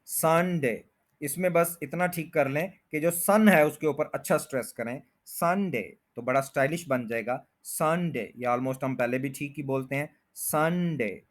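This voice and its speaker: A man teaching English pronunciation in Hindi, repeating words slowly to show their stress. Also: medium pitch. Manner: slow, drawn-out repetition of words with stress. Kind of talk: pronunciation lesson explained in Hindi.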